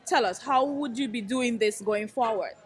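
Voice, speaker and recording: A woman's voice: fairly high pitch, normal speed, breathy edge. A woman, hosting an on-location interview with vendors at a public market.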